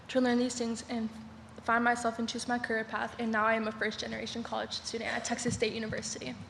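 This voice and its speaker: Young woman, reading a speech, earnest, monotone, reverberant hall. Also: a little high. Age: young adult. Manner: steady, earnest recitation. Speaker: honoree giving a speech. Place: large banquet hall. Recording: hall reverb with faint noise.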